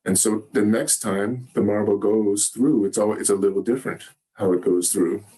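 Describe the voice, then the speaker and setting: A man giving a Zen dharma talk, gentle and halting, often pausing to search for words. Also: on the low side, steady tone. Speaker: Zen teacher. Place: meditation hall.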